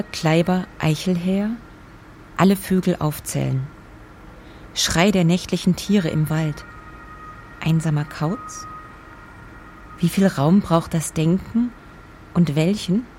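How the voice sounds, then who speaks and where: Female narrator, contemplative literary feature, slow delivery, slight background hiss. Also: deep voice. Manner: quiet, fragmentary, contemplative. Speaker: author narrator.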